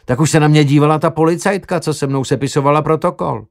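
A man's voice: on the high side, creaky, pitched above the performer's own voice. A man voicing a brash, crude young male doctor who talks in a cheeky, boastful way. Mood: defensive.

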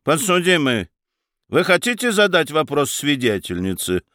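A man's voice: on the high side, very animated, normal speed, a bit bright, no echo, studio quality. A man voicing a stern, authoritative judge who hands down firm rulings in a dramatic story reading. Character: stern male judge presiding over a trial.

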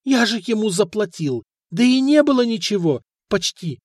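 Squeaky scared moneylender played by a man, whiny and begging. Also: very animated, moderate pace, darkish tone, no room sound, clean studio sound. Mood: panicked pleading. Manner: whining, pleading. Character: terrified middle-aged male moneylender, whining.

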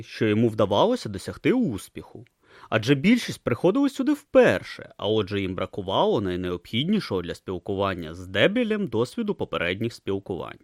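A man narrating a fantasy novel as an audiobook with an expressive, theatrical reading. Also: medium pitch, no echo, studio quality.

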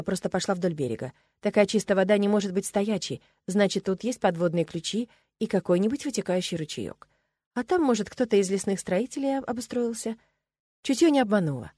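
A woman reads a fantasy audiobook chapter in a wry, expressive first-person voice. Her pitch rises and falls with lively animation. The recording is close and dry, with no room sound. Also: no room sound. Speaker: audiobook narrator. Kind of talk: scripted narration.

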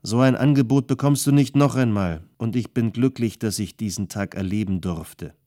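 A man reading an audiobook and voicing an impatient, commanding army sergeant who barks loud orders. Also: fairly low pitch, moderate pace, lightly acted.

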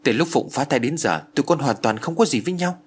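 Narrator doing an earnest, deferential young man, husky. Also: mid-range voice, animated, fast talker, voice pushed up.

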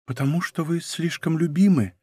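A man voicing a tender, devoted young noblewoman in an audiobook, speaking softly and earnestly. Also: medium pitch, expressive, moderate pace, dry recording, studio quality, lightly acted.

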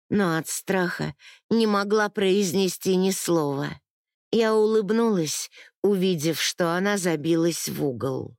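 Woman, audiobook narrator, first-person novel, slow measured delivery, mid-range voice, dry close sound. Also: medium pitch, no echo.

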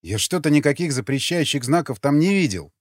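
A tough, impatient young survivor snaps commands, as a male narrator voices him. His delivery is clipped and urgent, with animated swings in pitch. The recording is dry and close, with a soft music bed. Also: brisk, no echo. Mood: urgent, brusque. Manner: brusque, commanding.

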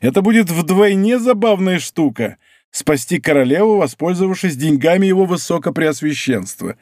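A man's voice: fairly high pitch, lively intonation, a little fast, darkish tone, no echo, clean studio sound. A male audiobook reader voicing an ardent, impulsive young nobleman, raising his voice eagerly. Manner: eager, exclamatory, raised voice. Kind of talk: audiobook character reading.

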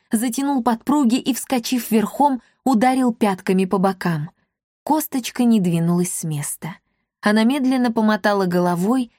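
A woman reading a children's fantasy story aloud, lively and dramatic, on a close microphone. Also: mid-range voice, dry recording. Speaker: audiobook narrator. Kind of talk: expressive audiobook reading.

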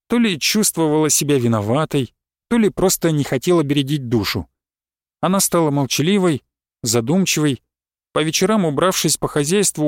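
A man calmly narrating a story as an audiobook reader. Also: a little high, no room sound, studio quality. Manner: calm, measured storytelling. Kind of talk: audiobook reading.

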